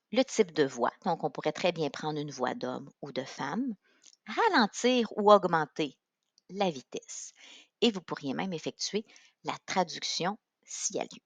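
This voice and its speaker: A woman with a Quebec French accent narrating a step-by-step software tutorial in an instructional way. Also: low voice, dry recording. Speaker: tutorial presenter.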